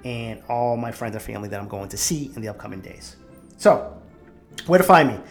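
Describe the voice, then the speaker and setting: A man's voice: medium pitch, expressive, brisk, soft background music. A man in his forties from Boston, hosting a solo podcast in a candid, reflective and profane way. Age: 40s. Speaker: podcast host.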